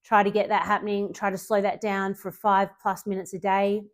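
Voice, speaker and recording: A woman's voice: mid-range voice, flat delivery, brisk. A woman fitness coach giving a casual spoken tutorial to her clients, chatty and loose, with frequent ums and self-corrections.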